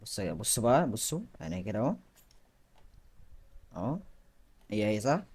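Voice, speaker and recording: A young Egyptian man with an Egyptian Arabic accent hosting a horror game let's play, jumping from quiet mutters to loud frightened outbursts. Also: fairly low pitch, sing-song, moderate pace, husky. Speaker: gaming channel host.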